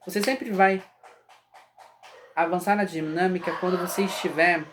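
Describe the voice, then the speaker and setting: A man's voice: sits high, steady tone, normal speed, background noise. A man with a Brazilian Portuguese accent giving a casual spiritual class, talking conversationally and often checking that his listeners follow. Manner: conversational, often asks "entende?". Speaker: spiritual teacher.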